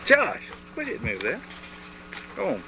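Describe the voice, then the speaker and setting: This family home-movie clip features a man whose high voice swoops wildly in pitch at a moderate pace, under heavy background noise. He chats casually and walks through explanations step by step, recorded on the camcorder's built-in mic.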